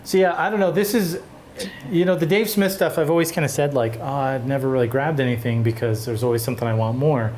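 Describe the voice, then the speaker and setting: A man hosting a casual chat about synthesizers, relaxed and rambling with fillers and restarts. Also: mid-range voice, fast, a little hiss or hum. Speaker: host of a synthesizer show.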